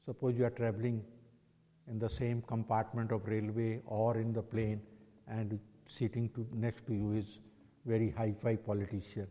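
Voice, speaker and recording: A man's voice: lowish voice, level tone, moderate pace, dark tone. North Indian man preaching in a reverberant hall. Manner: didactic, poses rhetorical questions to listeners. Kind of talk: religious discourse in English with Hindi and Sanskrit phrases.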